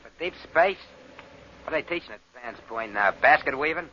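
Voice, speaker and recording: An actor playing a defiant, sarcastic spaceship engineer in an old science fiction radio drama, talking in rough slang. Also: male voice, a little high, lively intonation, normal speed, pushed and bright. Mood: sullen, sarcastic. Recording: dull old radio recording, faint noise.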